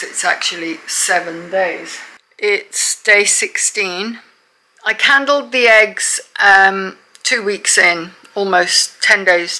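Slow, bright-voiced woman vlogging. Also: mid-range voice, gravelly, a little hiss or hum, rough recording. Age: retired. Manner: chatty and self-deprecating, slow and deliberate. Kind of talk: casual home vlog narration. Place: rural home.

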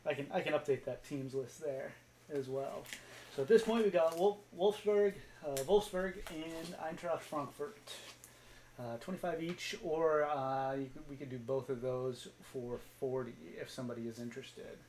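A man's voice: on the high side, moderate pace, darkish tone, slight background noise. Casual man hosting a livestream. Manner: easygoing, lots of fillers, talks to viewers in chat. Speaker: card break livestream host.

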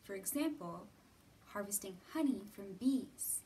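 Here the storytime host, an American woman in her thirties working as a children's librarian, speaks in a mid-range, mellow voice that is expressive and a little slow. She guides the children with simple, encouraging instructions in an indoor library room, captured by a distant mic with background hiss.

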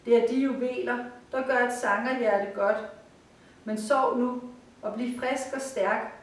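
A woman voicing a gentle, tender little nightingale who speaks softly and soothingly. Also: fairly high pitch, fairly even intonation, lightly acted. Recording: roomy, far from the mic.

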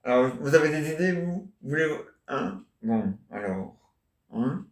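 A man's voice: mid-range voice, animated, a little slow. A man doing a rambling improvised comic monologue, answering imagined listeners and tacking on questions. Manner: chatty, answers imagined listeners, constant "hein?" and "ah ouais". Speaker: amateur solo stage performer. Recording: echoey room.

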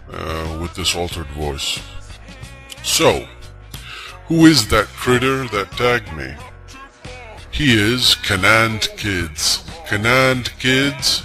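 A man in his forties talking to viewers in a slow, wry monologue, his voice altered into a disguised deep voice. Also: pushed and bright. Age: 40s. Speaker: vlogger.

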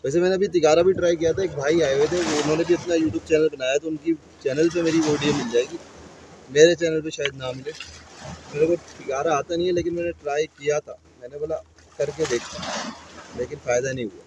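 Relaxed man on seaside rocks. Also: fairly high pitch, a little fast. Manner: relaxed, explains how to bait a hook. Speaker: angler vlogger. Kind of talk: casual vlog talk. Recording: noisy seaside ambience.

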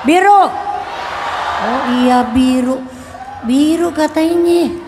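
A higher-voiced older woman jokes and teases her crowd between songs, speaking in an unhurried way. A live band plays behind her as she talks into a handheld mic on a festival stage. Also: expressive, big-room sound. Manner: teasing, chatty, laughs often. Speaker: singer performing live. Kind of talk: playful stage banter with the crowd. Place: concert stage at a music festival. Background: live band music.

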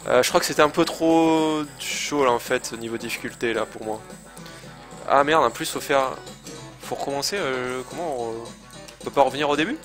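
A man's voice: medium pitch, moderate pace, a bit bright, faint music behind. A man streaming a video game live, talking casually and hesitantly, swearing and poking fun at himself. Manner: chatty, hesitant, swears, self-mocking. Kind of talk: casual live gameplay commentary. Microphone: desk microphone, speakers playing game sound.

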